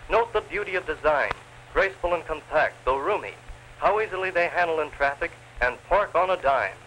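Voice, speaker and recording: With a bit of brightness and animation, a slightly high male voice delivers a declamatory sales pitch as narrator of a 1930s newsreel ad. He speaks a little fast over the noisy soundtrack of a 1930s film.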